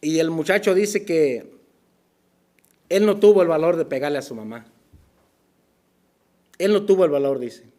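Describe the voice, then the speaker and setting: A man preaching a sermon as pastor, telling a story and acting out its dialogue, sometimes dropping to a hushed voice for emphasis. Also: on the high side, normal speed, pauses often. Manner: storytelling, acts out dialogue, drops to near whisper for emphasis. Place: church.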